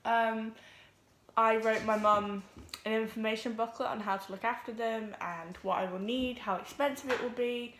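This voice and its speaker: A woman's voice: a little high, steady tone, a bit bright, roomy sound, a little hiss or hum. Nervous teen girl vlogging. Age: teens. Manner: nervous, talks quickly with many ums. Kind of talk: casual vlog introduction. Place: home room with pets.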